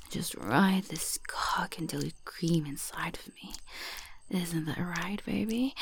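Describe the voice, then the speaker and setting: A woman speaking in a soft, breathy whisper in a teasing, coaxing ASMR roleplay. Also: sits low, slight background noise, rough recording.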